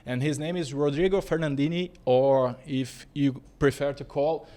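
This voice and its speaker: A native Portuguese speaker with a Brazilian accent hosts a casual podcast interview, speaking informal, halting English. His voice is a little high and warm in tone.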